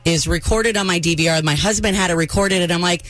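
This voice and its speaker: A woman's voice: on the low side, fast talker, fairly bright tone, dry recording. Bubbly female radio host. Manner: bubbly, enthusiastic. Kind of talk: call-in radio show.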